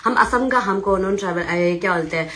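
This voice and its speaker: A woman's voice: medium pitch, fast talker, pushed and bright. Agitated young woman with Arunachal accent. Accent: Arunachal Pradesh. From Arunachal Pradesh. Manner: agitated, insistent, retelling with quoted dialogue. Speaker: eyewitness. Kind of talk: emotional eyewitness account to reporters.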